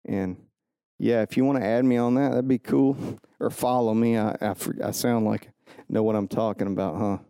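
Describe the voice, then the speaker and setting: A man's voice: lowish voice, fairly even intonation, moderate pace, gravelly, warm tone, clean tone, dry recording, studio quality. A man hosting a solo podcast, rambling goofily and joking at his own expense. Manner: self-mocking, goofy, rambling. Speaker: podcast host.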